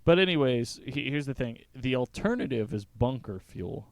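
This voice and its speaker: A man's voice: medium pitch, animated, normal speed, no room sound, clean studio sound. A man co-hosting a casual podcast, explaining things at length with frequent fillers. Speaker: podcast co-host. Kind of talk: casual chat.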